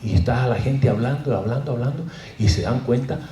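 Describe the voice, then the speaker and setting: Un pastor que da una clase de predicación con humor, bromeando y haciendo preguntas al público. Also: male voice, medium pitch, brisk, slight background noise. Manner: lively, jokey, asks the audience questions. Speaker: pastor teaching a preaching class. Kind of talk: humorous lecture. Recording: roomy echo.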